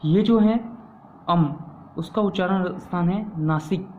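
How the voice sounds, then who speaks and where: Slow, echoey male teacher on a thin line. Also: high-pitched, slight background noise. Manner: asks the class questions and answers them himself; repeats key terms for emphasis. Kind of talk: classroom-style grammar lesson. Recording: echoey room over a tinny phone-like line.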